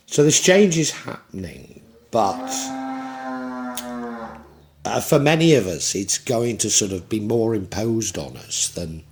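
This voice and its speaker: A man in his sixties with a low voice gives a tarot reading, reflective and rambling, restarting often. There's slight background noise.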